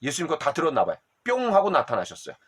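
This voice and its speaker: A middle-aged man, a pastor, teaching a church discipleship class in an animated way, often asking the listeners questions. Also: fairly high pitch, rapid-fire, slightly rough.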